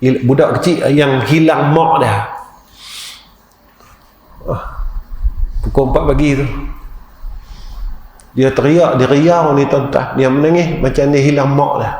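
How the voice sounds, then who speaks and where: A man's voice: medium pitch, fairly even intonation, takes it slowly, pauses often, darkish tone, a little hiss or hum. A male preacher with a Kedah Malay accent, giving a storytelling mosque lecture and often addressing the audience directly. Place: mosque hall. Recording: echoey mosque hall, faint ambience.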